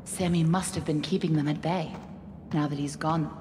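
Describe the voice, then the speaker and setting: A woman's voice: deep voice, steady tone, moderate pace, noisy background, close to an everyday voice. A woman playing a tough, resolute survivor in a video game, urgent and commanding. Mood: wary, resolute. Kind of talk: video game character acting.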